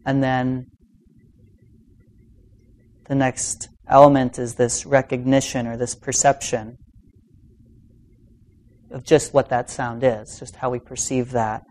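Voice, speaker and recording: A man teaching meditation in an informal dharma talk, speaking in a halting, reflective way with long pauses. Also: mid-range voice, little pitch movement, a little mellow. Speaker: meditation teacher giving a talk to a practice group.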